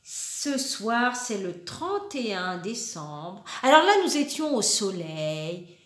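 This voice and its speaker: A woman's voice: mid-range voice, very animated, takes it slowly, a bit bright, reverberant. A woman reading children's storybooks aloud with playful character voices, laughing now and then and chatting between lines.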